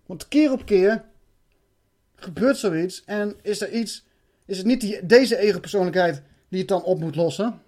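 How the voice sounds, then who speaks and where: A man's voice: high-pitched, unhurried, a little mellow. A man recounting a personal spiritual experience in an intense way, swearing and restarting his sentences.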